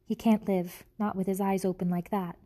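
A woman reading aloud, voicing a blunt, gloomy father mouse in a flat, grim manner. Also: mid-range voice, normal speed, close to an everyday voice.

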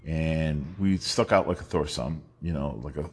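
His voice is very deep with a breathy edge, moving at a moderate pace. A fifties-aged man from New York, he rambles through his life story as a guest, laughing a lot and often restarting or using fillers.

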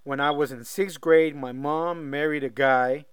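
Smooth-voiced male podcast host. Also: on the high side, steady tone, unhurried, dry recording. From Southern California. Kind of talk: casual interview podcast.

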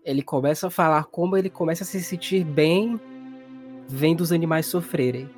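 Music plays under the fairly high, fairly quick voice of a Brazilian-accented man who runs a tabletop horror game. As game master, he narrates casually and conversationally.

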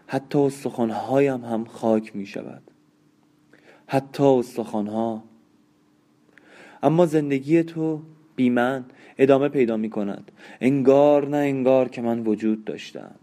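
A man's voice: medium pitch, long pauses, warm tone, natural voice. A man voicing a dying old woman, bitter and accusing, in an audiobook reading. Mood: mournful.

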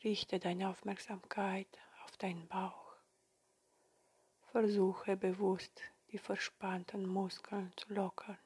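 A woman guiding a meditation in a soft, breathy spa-like half-whisper, giving gentle, soothing instructions with long pauses. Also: medium pitch, little pitch movement. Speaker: meditation guide.

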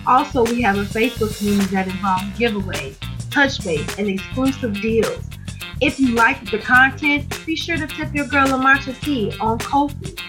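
A woman's voice: a little high, rough recording. A woman hosting a podcast in a casual, chatty, informal and slangy way. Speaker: podcast host.

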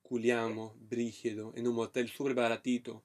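A man's voice: medium pitch, moderate pace. A man with a Chilean accent, a podcast co-host telling a crude, rambling comic story. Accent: Chilean Spanish. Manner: vulgar, rambling, animated storytelling.

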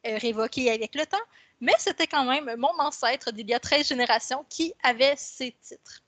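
A woman's voice: high-pitched, moderate pace, fairly bright tone, no room sound. A woman with a Québécois French accent, an author chatting casually as a podcast guest, rambling and correcting herself as she goes. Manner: rambling, self-correcting, many restarts.

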